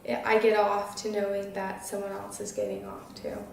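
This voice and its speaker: Giggly creaky-voiced teen woman, echoey. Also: mid-range voice, big pitch swings, moderate pace, distant mic, slight background noise. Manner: giggly, frequent "like" fillers. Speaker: interviewee. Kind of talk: casual interview answers. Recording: very echoey room, voice off-mic.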